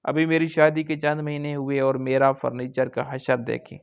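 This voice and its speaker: A weary young wife who pleads for a little rest, as a male storyteller voices her. The voice has a gravelly edge but stays smooth and resonant, at a middle pitch. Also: monotone, close to an everyday voice. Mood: pleading.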